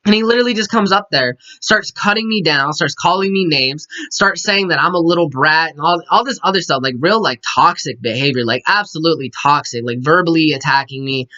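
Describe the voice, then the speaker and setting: A man's voice: on the high side, brisk, few pauses, bright, forceful tone. Fields: man, dull lo-fi vlog recording. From Pennsylvania. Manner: frustrated venting, repeats "right?" and "like". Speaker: vlogger. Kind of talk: casual storytelling to camera. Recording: dull lo-fi sound.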